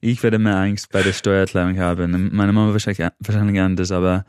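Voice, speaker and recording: A man in his thirties from England, with English as his first language, speaking German as a studio guest in an energetic, halting way, stopping to search for words. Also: sits low, clear, resonant tone, no echo. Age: 30s. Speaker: guest, motivational trainer. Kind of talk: interview answers. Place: radio studio.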